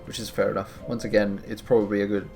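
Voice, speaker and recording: Man, low gravelly voice, tired wry let's-play commentary, music behind. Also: quick pace. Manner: relaxed, wry, thinking aloud. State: tired, yawning. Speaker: gameplay commentator.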